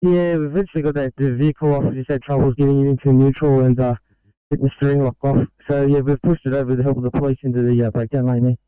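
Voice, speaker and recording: An Australian man on a road transport crew, answering over a two-way radio with brisk radio procedure and a few hesitant fillers. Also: medium pitch, flat delivery, smooth, dry recording. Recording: tinny narrow radio channel.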